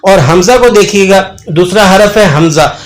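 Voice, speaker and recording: A man teaches tajweed in a patient lesson. He sounds out Arabic letters slowly and draws them out, repeating each one as an example for the learner. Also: high voice. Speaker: Quran recitation teacher.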